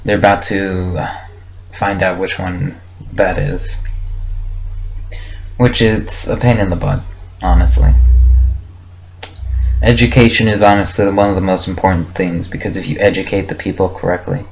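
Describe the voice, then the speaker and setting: A young man records an unscripted audio log in a low, creaky voice with little pitch movement, keeping a moderate pace broken by long pauses. He muses hesitantly and reflectively in short fragments. Muffled lo-fi audio and faint background noise frame the clip.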